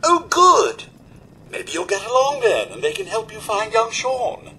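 A man's voice: extremely high pitch, wildly swooping pitch, measured pace, sharp tone, slight background noise, exaggerated voice, poor audio. A man playing a courteous, dutiful robot butler in a video game, with a prim, polite and servile manner. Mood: dutiful, reassuring.

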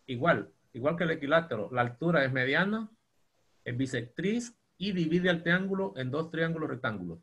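Husky man dictating a geometry lecture. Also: fairly high pitch, expressive, fairly bright tone, lo-fi sound. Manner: dictates slowly, spelling out terms. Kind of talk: university class lecture. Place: classroom.

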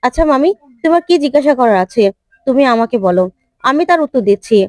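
A calm, gentle young wife who speaks reassuringly, as a woman narrator puts her on. The voice is high and dry, close to the mic. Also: fast, no echo.

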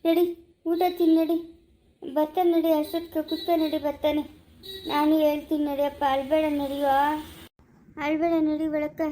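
A woman's voice: high-pitched, dark tone, close to an everyday voice, rough recording. Woman playing a soothing, scolding village aunt. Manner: soothing, scolding, repeating warnings. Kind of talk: amateur family drama acting.

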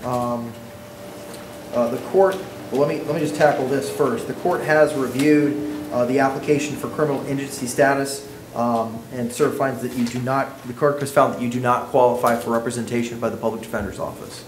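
A man serving as judge in a courtroom recording, setting bonds and reading case numbers in a measured, procedural manner. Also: medium pitch, fairly even intonation. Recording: echoey courtroom audio, faint noise.

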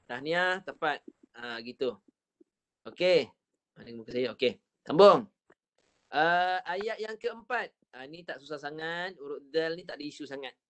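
A man with a Malaysian Malay accent teaching Quran recitation in an online class, patiently modelling each sound slowly and repeating it. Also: fairly high pitch, expressive. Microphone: online video call.

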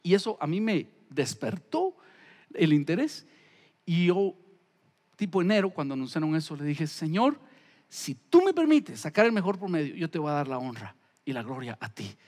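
Middle-aged pastor, high voice, lively sermon storyteller who acts out quoted voices. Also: male voice, normal speed, in a large hall. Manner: animated storytelling, acting out quoted voices with big pitch swings.

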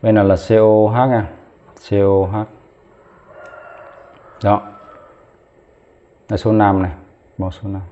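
A male chemistry teacher with a fairly low voice works through each step, counting out loud and stopping to fix his own slips. The sound is thin and tinny, as if through a phone. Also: level tone, takes it slowly, long pauses, slight background noise. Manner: talks while writing, counts aloud, corrects himself mid-step. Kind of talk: lesson at a whiteboard.

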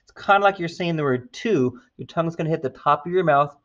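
A man teaching a beginner trombone lesson, patient and encouraging, counting out loud with his students. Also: a little high, quick pace, dull audio. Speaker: music teacher.

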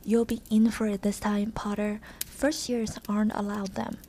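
A spiteful, snobbish schoolboy who snaps and sneers, played by a woman. It is a whispered role-play from a storybook, soft and mellow. It comes through a touch louder than the reading around it. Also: mid-range voice, flat delivery, normal speed, a little hiss or hum, close to an everyday voice. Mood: sneering. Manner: sneering, snappish.

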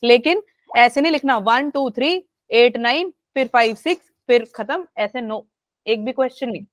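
A woman's voice: a little high, normal speed, no room sound. A woman teacher leading a live online class, chatty and coaxing, mixing English into her talk. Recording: dull lo-fi online audio.

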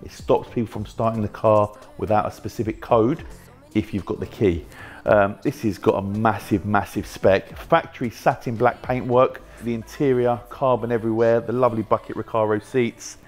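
With a low-ish, steady voice at normal speed and a darkish tone, a British car wrap shop owner in his thirties hosts a casual, joking tour of his workshop while chatting with staff. Faint music plays behind him in the large, bright indoor space.

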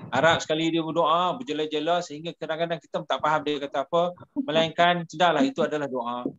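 A man with a Malaysian Malay accent teaching Arabic phrases in a casual lesson, explaining patiently and repeating phrases slowly. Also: fairly high pitch, fairly even intonation, fairly bright tone, highs cut off. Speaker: religious teacher.

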